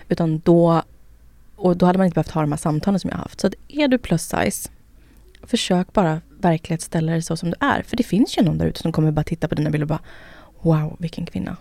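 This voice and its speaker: A woman's voice: deep voice, gravelly, dark tone, dry recording. A woman co-hosting a podcast in casual chat, telling stories in a rambling way, acting out what people said and swearing freely. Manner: rambling storyteller who acts out quotes and swears freely. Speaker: podcast co-host.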